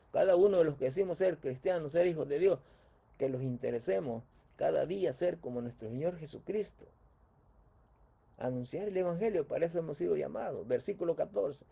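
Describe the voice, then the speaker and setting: A man's voice: on the high side, vocal fry, husky. A man preaching a sermon, repeating his phrases and asking rhetorical questions with a prompting "mm?". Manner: repetitive, rhetorical questions, asks "mm?". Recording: tinny phone-like sound.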